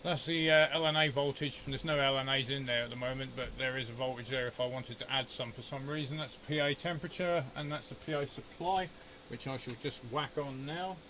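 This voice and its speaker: A medium-pitched, bright and forceful male voice keeps a steady tone and goes a little fast, with faint hiss or hum. The speaker, a ham radio hobbyist and video host, is demonstrating gear in his shack at home. It's casual and unscripted, and he thinks aloud and grumbles as he troubleshoots.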